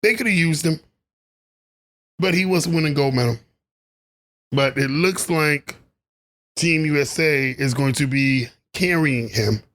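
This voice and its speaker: A sports commentary vlogger with a fairly bright, somewhat high voice rambles through an opinionated basketball monologue, laughing at his own asides. He speaks at a measured pace with long pauses.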